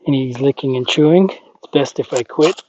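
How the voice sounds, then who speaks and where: Calm man explaining horse training. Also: medium pitch, moderate pace. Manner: calm, explanatory, talks to the horse between points. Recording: dull, lo-fi with faint noise.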